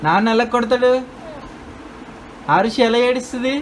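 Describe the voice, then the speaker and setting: A young mother playfully quizzes her toddler at home. She has a fairly high voice and asks the same coaxing, sing-song questions over and over. Faint room noise sits behind her. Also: moderate pace.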